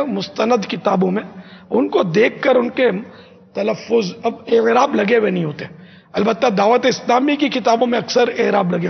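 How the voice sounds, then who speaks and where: An older man, a religious scholar from Pakistan, gives an emphatic teaching talk to a gathering and repeats phrases slowly as pronunciation drills. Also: high-pitched, gravelly, breathy edge. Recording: echoey hall, dull lo-fi sound.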